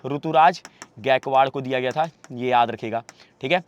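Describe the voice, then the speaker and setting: Tutor running a quiz class. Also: male voice, mid-range voice, smooth, lo-fi sound. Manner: asks quick questions, repeats answers, addresses viewers as friends; reads English questions slowly, then translates them. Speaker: exam prep teacher.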